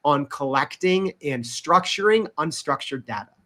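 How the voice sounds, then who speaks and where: A man's voice: on the high side, expressive, measured pace, bright, forceful tone. A man speaking as a podcast guest in an interview, emphatic and peppering his talk with "right?" and "you know". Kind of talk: interview conversation.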